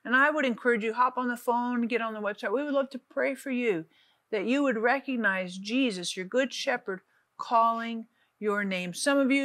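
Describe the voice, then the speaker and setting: A woman's voice: on the high side, fairly bright tone, dry recording. Earnest woman preaching, dry studio sound. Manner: earnest, slows down on key phrases, repeats for emphasis. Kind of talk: encouraging televangelist teaching.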